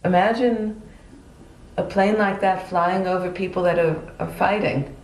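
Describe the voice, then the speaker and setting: Woman with a lowish voice for a documentary interview, calm and reflective, roomy sound. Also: unhurried.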